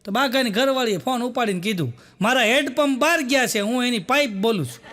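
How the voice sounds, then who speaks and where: High, bright-voiced comedian on stage. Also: male voice, fast, a little hiss or hum. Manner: folksy storytelling, full of "I said" and "he said". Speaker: stand-up comedian. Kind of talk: stand-up joke telling on stage. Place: stage show with a live audience. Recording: long hall reverb.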